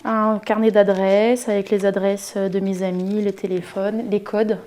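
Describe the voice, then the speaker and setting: A woman's voice: mid-range voice, level tone, unhurried, dark tone. A woman in her thirties frankly chatting about her handbag's contents, self-mocking. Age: 30s. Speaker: interviewee. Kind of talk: casual talk while emptying her handbag.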